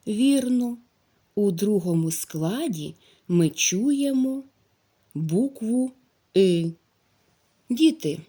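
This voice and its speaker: A woman teacher giving a recorded phonics lesson to young children, speaking slowly and spelling out each sound clearly. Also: a little high, mellow. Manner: slow, drawn-out, clearly articulated speech for young children. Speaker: primary school teacher.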